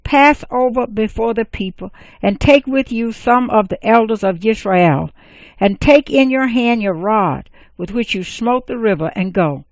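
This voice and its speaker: A woman's voice: a little high, a little slow, no room sound, rough recording. A woman reading as God commanding. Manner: steady, solemn reading. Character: God, a male deity giving commands.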